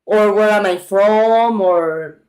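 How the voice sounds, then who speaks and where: In this rough recording, a Mexican streamer with a medium-pitched, slightly mellow voice takes her time as she plays a farming game. She chats casually with her viewers and reacts out loud during the gameplay.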